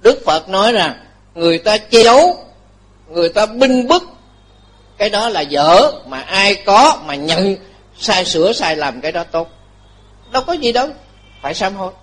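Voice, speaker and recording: A man, a Buddhist monk, giving a lively dharma talk to lay followers, joking often and repeating his phrases. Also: high-pitched, normal speed, pauses often, husky.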